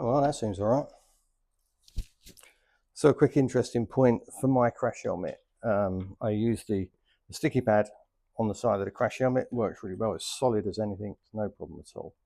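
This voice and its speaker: Here a middle-aged man reviews motorcycle gear in a casual vlog unboxing, chatty and no-frills. His voice is lowish, gravelly, and dark.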